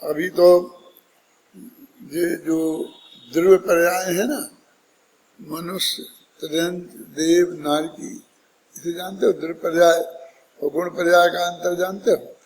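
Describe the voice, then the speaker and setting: A man's voice: a little high, fairly even intonation, slow pace, pauses often, big-room sound, low-quality recording. A man giving a scripture discourse, explaining step by step and putting rhetorical questions to his listeners. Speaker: Jain scripture teacher.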